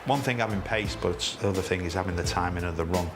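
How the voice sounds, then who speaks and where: Very deep-voiced man analysing football. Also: fast, over loud music. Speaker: football interviewee. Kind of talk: analytical interview.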